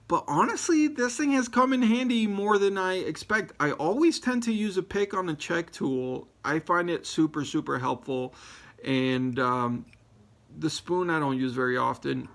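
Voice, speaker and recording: A man with a slightly high, expressive, fairly bright voice talks at normal speed in a casual show-and-tell video reply. Born in Ecuador and raised in Florida, this pipe-smoking YouTuber shows off his lighters, rambling with lots of fillers and restarts.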